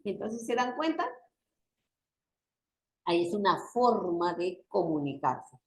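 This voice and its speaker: A woman teaching an online university class, lively and often asking for agreement. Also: medium pitch, slow pace, roomy sound. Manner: animated, often asks for agreement.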